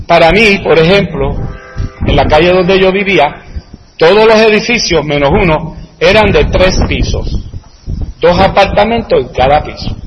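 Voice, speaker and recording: A high-pitched man hosts a casual chat, answering viewer comments as he rambles, asks rhetorical questions, and chuckles. The lo-fi recording carries a faint hiss or hum and the long reverb of an echoey room.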